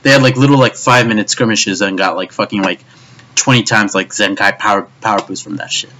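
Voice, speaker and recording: A man's voice: on the low side, steady tone, brisk, pushed and bright. A man giving an anime review as a frustrated, profane rant, stammering and repeating himself as he goes. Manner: frustrated, stammering, swears often.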